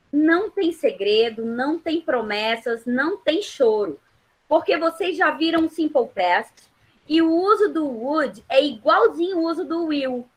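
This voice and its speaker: Female English teacher, Brazilian accent, measured unhurried delivery, keeps asking the class if it's clear. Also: high voice, a bit bright, low-quality recording. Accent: Brazilian Portuguese. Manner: patient, checks understanding with quick questions. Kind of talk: explaining grammar to a class.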